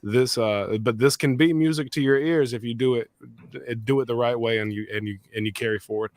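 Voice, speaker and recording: A Texan man chats on a livestream, slangy and excitable. His voice is deepened after a recent illness. The sound is dry and close to a studio mic. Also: a little fast, dry recording. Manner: excitable, slangy, greets chat loudly. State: deep voice after being sick. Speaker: host. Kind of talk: casual livestream chat. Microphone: studio mic with audio interface.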